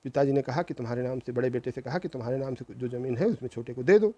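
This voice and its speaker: Speaking quickly in a warm, mid-range voice, a middle-aged channel host tells a true story about his family with earnest conviction. He sounds reproachful and moralizing, hammering home his points by repeating phrases.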